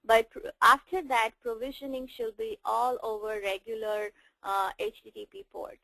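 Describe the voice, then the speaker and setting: Female webinar presenter, fairly high voice with a gravelly edge, many "uh" fillers. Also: steady tone, moderate pace, pushed and bright, no room sound, rough recording. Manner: explains with frequent "uh" fillers. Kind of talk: technical product webinar.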